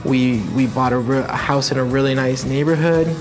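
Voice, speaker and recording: A man giving a steady, earnest testimonial about his experience. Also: medium pitch, normal speed, faint music behind. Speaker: customer testimonial. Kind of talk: calm testimonial.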